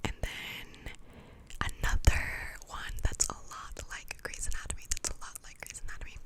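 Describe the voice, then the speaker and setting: Woman's fast, breathy ASMR whisper ramble. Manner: rambling, casual, slangy and sweary. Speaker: ASMR video creator.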